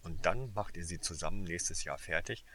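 A man reading the lines of a small, determined schoolgirl who speaks quietly and firmly. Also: low-pitched, normal speed, slight background noise. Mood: calm. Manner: quiet, soothing, firm. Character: small determined first-year schoolgirl, calm and bold.

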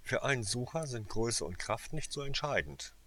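A man reading the lines of a small, determined schoolgirl who speaks quietly and firmly. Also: mid-range voice, lively intonation, moderate pace, a little hiss or hum, pitched above the performer's own voice. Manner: quiet, soothing, firm. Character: small determined first-year schoolgirl, calm and bold.

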